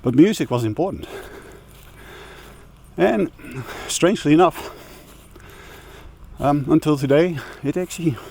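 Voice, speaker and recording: A man's voice: a little high, animated, a little slow, vocal fry, long pauses, mellow, slight background noise. Rambling middle-aged man vlogging outdoors. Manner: rambling, hesitant, with many fillers and restarts. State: slightly out of breath. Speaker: audio YouTuber. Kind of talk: casual vlog talk while walking. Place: outdoors on a hill walk.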